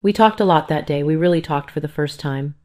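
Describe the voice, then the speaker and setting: A woman reading a first-person story in scripted narration, calm and measured. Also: low-pitched.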